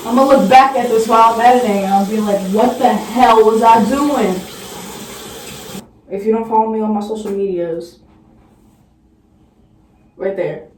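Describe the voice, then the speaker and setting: A woman's voice: medium pitch, steady tone, fairly quick, pauses often, a little mellow, distant mic. Rambling woman vlogging from her kitchen. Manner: rambling, self-mocking, lots of ums. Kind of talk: casual cooking vlog chat. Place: home bathroom and kitchen. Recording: roomy, from off-mic, household noise.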